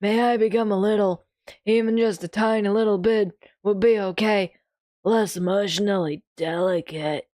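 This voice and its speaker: A woman's voice: medium pitch, fairly even intonation, normal speed, no room sound, studio quality, natural voice. Woman putting on a frail, timid very old man. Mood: mournful. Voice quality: very old man's voice. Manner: hesitant, mournful, fragile, gentle. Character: sleepy, timid male teacher with old man voice, frail, gloomy. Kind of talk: visual novel character reading.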